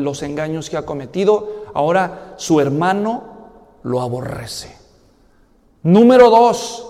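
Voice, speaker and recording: A man preaching a sermon as a pastor, telling a Bible story with lively, animated delivery. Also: a little high, in a large hall. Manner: animated storytelling, acting out biblical characters with big swings in volume.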